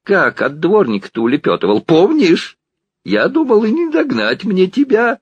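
A man reading an audiobook, voicing a proud, gruff old male organ-grinder who talks with grumbling dignity. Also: high-pitched, huge pitch swings, normal speed, no echo, lo-fi sound, voice pushed up, exaggerated voice. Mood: wry.

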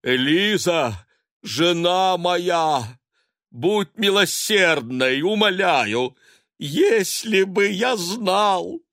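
Man doing old father figure, wailing, self-pitying, theatrical, swooping pitch, dry sound. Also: lively intonation, extremely slow, a bit bright, no echo, heavily acted. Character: loud self-pitying aging father of the house.

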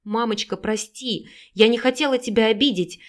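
Sad teen girl begging her mom, soft and teary, storybook voice, woman reading. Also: on the high side, normal speed, lightly acted. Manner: soft, pleading, tearful. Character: hurt teenage girl, gentle and pleading.

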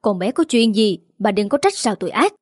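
A stern older father orders his family to be quiet, speaking through his teeth, as a woman reading a story puts him on. The voice is mid-pitched and dry. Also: big pitch swings, brisk, husky, no echo.

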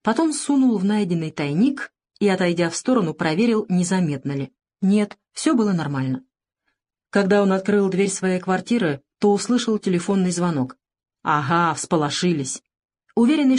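A woman reading a crime novel aloud as audiobook narrator, expressive in her reading. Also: lowish voice, moderate pace.

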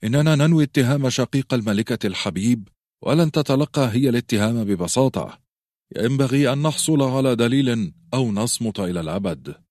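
A man's voice: mid-range voice, lively intonation, a little mellow, no room sound, studio quality, voice pushed up, close to an everyday voice. A man voicing a thoughtful older scholar who speaks in a careful, reasoning way. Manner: measured, reasoning. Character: thoughtful older male scholar-healer, cautious.

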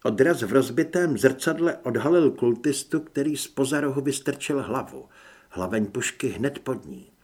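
Man, husky voice, mid pitch, steady measured first-person audiobook narration.

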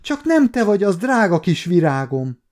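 A man reading an audiobook, voicing a fierce but tender old servant woman who shouts shrilly. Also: high voice, very animated, voice pushed up. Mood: overjoyed.

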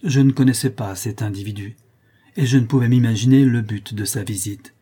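A man calmly narrating a classic story as an audiobook reader, with measured storytelling. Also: mid-range voice, husky.

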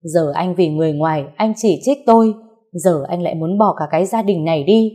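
A woman voicing an aggrieved older mother-in-law who wails and accuses in a shrill, self-pitying way in a storybook reading. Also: fairly quick, warm tone, natural voice. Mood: wailing.

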